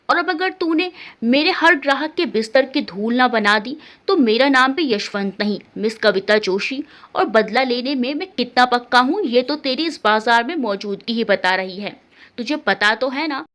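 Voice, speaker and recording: A woman voicing a menacing, vengeful man who shouts threats at a young woman. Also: very high-pitched, exaggerated voice.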